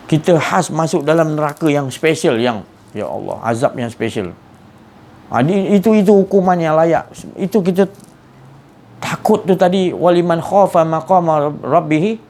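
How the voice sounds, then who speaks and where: A man's voice: sits high, darkish tone. A man giving an earnest religious lecture, often repeating and restarting words. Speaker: religious teacher.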